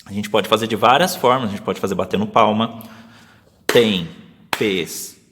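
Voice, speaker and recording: A man with a Brazilian Portuguese accent, a teacher explaining a lesson step by step and slowly sounding out syllables for young pupils. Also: fairly low pitch, in a large hall, background noise. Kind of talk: remote class video lesson.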